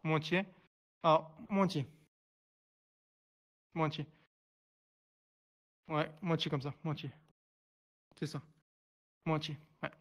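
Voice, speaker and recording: A man's voice: a little high, fairly even intonation. A man teaching a sign language class online, hesitant, full of fillers and restarts, repeating each word as he signs it. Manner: repeats each word slowly while signing. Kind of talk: live online class explanation.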